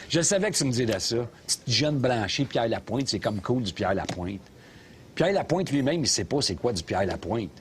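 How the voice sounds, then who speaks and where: Man doing a mouthy Québécois taxi driver, middle-aged, sarcastic rants, mid-pitched voice, faint hum in the cab. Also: close to an everyday voice. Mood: mocking. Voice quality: sarcastic ranting, mocking. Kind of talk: scripted comedy sketch. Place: inside a taxi.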